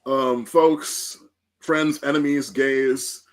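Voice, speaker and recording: A man hosting a casual music podcast, talking in a loose, profane and animated way into a podcast mic. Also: medium pitch, extremely slow. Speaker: podcast host.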